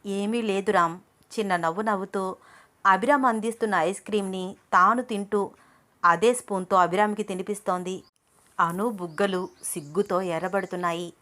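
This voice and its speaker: Expressive female storyteller. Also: mid-range voice, a little fast. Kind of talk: scripted story narration.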